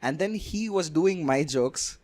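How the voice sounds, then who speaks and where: A young man from India chats as a podcast guest, playful and quick to laugh. His voice sits a little higher than most men's. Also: lively intonation, darkish tone. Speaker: guest comedian. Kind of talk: casual podcast chat.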